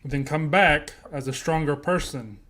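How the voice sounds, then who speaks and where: Man, podcast co-host, higher pitch, agreeable, chimes in, casual chat. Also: normal speed, fairly bright tone. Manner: agreeable, chiming in to finish others' points.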